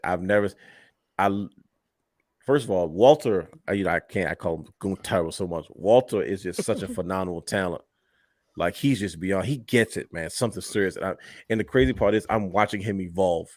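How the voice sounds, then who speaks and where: Low male co-host, loose and excitable, dry close sound. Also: no echo. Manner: animated, loose, laughs loudly, trails off mid-sentence. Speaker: podcast co-host. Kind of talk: casual late-night wrestling chat.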